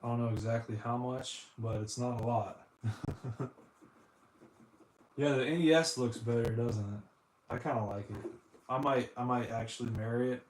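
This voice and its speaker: A man's voice: medium pitch, normal speed, pauses often, roomy sound, a little hiss or hum. A man from the United States in a casual live-stream chat, rambling and joking, often saying "dude" while he cleans consoles. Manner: rambling, jokey, says "dude" a lot.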